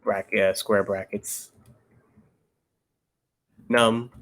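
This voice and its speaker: A young man with a somewhat low voice talks through a coding problem step by step. His manner is laid-back and patient, like a casual pair-programming session at home. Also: little pitch movement, extremely slow, a bit bright. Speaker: interview candidate studying coding.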